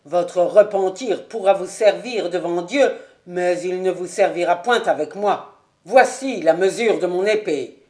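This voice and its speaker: Woman doing a stern, loud, low-voiced colonel bent on a duel. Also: unhurried, close to an everyday voice. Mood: furious. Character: vengeful grieving nobleman, a colonel.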